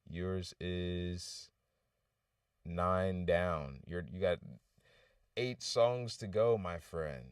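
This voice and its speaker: A deep-voiced man hosts a casual music review livestream. His talk is loose and rambling, full of restarts, and sounds set back from the microphone. The sound is dry and close to the walls, with no room echo. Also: very slow, long pauses, clear, resonant tone, recorded from a distance.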